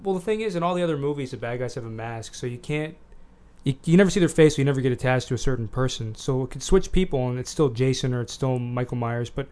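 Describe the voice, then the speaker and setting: A man's voice: medium pitch, lively intonation, fast, darkish tone, smooth. A young man in a casual movie chat, eagerly explaining his views.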